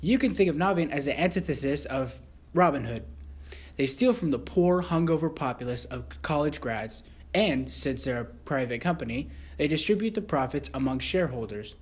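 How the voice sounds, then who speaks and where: A man's slightly high, husky voice delivers a scripted satirical newscast. He plays the anchor with mock seriousness, slipping crude asides into otherwise formal news reading. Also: expressive, normal speed.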